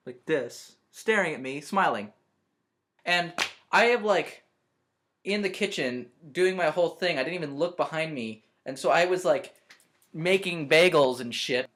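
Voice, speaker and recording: Rambling young man telling a story. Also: fairly high pitch. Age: young adult. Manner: rambling, self-interrupting, animated storytelling. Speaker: college student vlogger. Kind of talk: storytelling vlog. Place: his bedroom in an apartment.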